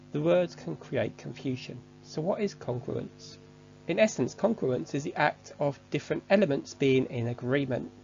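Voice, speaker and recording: A man giving a measured, structured, scripted online lesson as a course instructor. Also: on the high side, vocal fry, a little mellow, muffled recording, a little hiss or hum.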